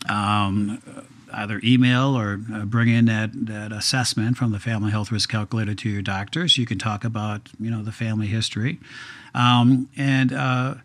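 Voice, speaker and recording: A man working as a genetic counselor, explaining a process step by step in a measured way during an interview, with some fillers. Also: on the low side, fairly bright tone.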